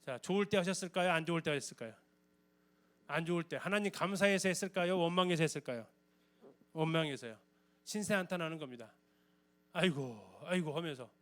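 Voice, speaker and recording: A man's voice: a little high, quick pace, fairly bright tone. A man giving a church Bible lecture, explaining in a conversational way and often asking the audience questions.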